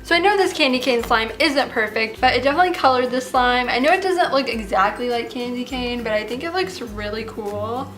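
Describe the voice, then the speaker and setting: A woman in her late teens speaks in a fairly high voice, with the slight lisp of someone wearing braces. She talks casually and chattily, like a host guiding viewers through a homemade craft. Music plays behind her. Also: animated, brisk, few pauses. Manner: talking with braces, slightly lisping. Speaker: host of a slime craft channel. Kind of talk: casual chatty DIY tutorial.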